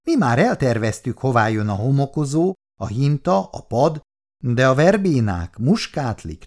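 A proud, ceremonious young neighbor in a 1960s radio play, formal and polite. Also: male voice, mid-range voice, a little mellow. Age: young adult. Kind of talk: 1960s radio drama acting.

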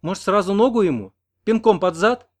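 Give me a man playing an indignant young woman with a sharp, ringing, high voice in an audiobook. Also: animated, a little fast.

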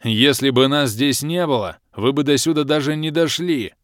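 A man doing a big armored warrior who growls out his words in a deep tone. The audiobook voice is lively and dry, close to the mic. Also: normal speed, no echo, lightly acted. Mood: growling. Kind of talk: audiobook character voice.

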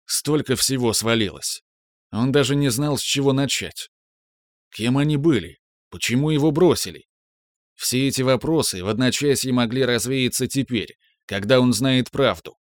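A man's voice: medium pitch, moderate pace, no room sound, studio quality. A man narrating a scripted dramatic story as an audiobook narrator.

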